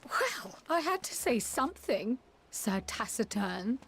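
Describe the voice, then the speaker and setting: A woman's voice: on the high side, very animated, slow pace, gravelly, fairly bright tone, soft background music, heavily acted. A woman voicing a composed, courteous and loyal female leader in a video game, speaking politely and formally. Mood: teasing. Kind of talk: scripted video game acting.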